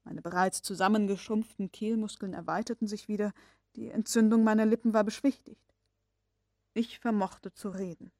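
A woman narrating a classic novel as an audiobook reader, measured and expressive. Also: medium pitch, dry recording, studio quality.

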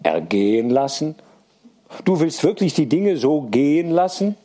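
A man's voice: fairly high pitch, lively intonation, moderate pace, warm tone, pitched above the performer's own voice. A man reading aloud as a bold, teasing young man. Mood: indignant.

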